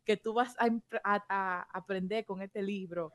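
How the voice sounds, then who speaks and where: A woman's voice: mid-range voice, steady tone, a little slow, crowd noise. A woman, co-hosting a casual chat with wry commentary. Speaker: podcast co-host.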